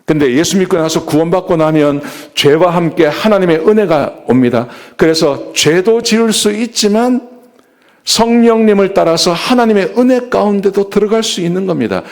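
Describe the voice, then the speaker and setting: A man's voice: high voice, moderate pace. A man preaching a Sunday sermon as a pastor, retelling a scripture story and acting out the quoted speech. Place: church.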